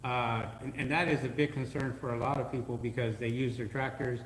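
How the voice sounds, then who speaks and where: A man's voice: mid-range voice, steady tone, fairly quick, reverberant, in a large hall, slight background noise, poor audio. A man co-hosting a live podcast, easygoing and full of uhs, greeting viewers and reading their comments aloud. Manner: easygoing, filler-heavy with frequent uh. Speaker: podcast co-host.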